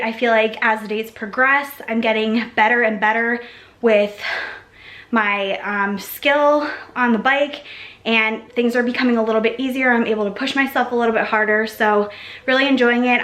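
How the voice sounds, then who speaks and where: A woman's voice: fairly high pitch, a bit bright, echoey room. A woman vlogging to a handheld camera in casual, upbeat chat, full of likes and ums, out of breath after a workout. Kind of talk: casual vlog talk to camera.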